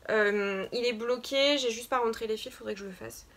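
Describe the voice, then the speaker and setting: A woman's voice: fairly high pitch, moderate pace, a bit bright. A woman co-hosting a casual knitting podcast, talking hesitantly with many fillers and restarts. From France. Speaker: podcast co-host. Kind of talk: casual chat about knitting.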